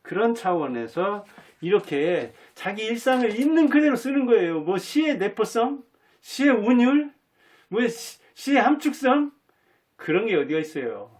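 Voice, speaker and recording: Earnest, folksy Korean man, fairly high voice. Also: very animated, measured pace. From Jinan, North Jeolla, Korea. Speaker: YouTube channel host. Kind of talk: solo reflective monologue.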